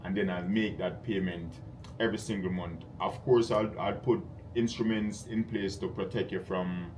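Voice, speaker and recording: On a cold sales call, a real estate investor talks conversationally but directly, probing and laying out his thinking. He has a deep voice with a steady tone at normal speed, and clear background noise runs through the call recording.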